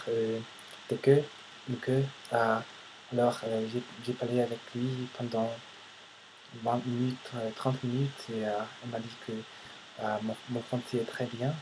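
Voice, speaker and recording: An American man with an American accent and English as his first language, speaking slowly and haltingly in a casual practice monologue while he searches for words, recorded on a computer microphone. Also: little pitch movement. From United States. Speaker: language learner vlogger. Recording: noisy low-quality home recording.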